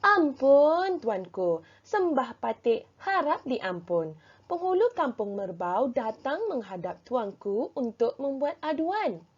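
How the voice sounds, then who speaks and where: A teacher reading aloud as a solemn male court official, formal and deferential before his sultan, spoken slowly with a Malaysian Malay accent. The voice is lively in pitch and a little husky, on a dull, lo-fi recording. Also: full character voice. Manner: slow careful reading aloud.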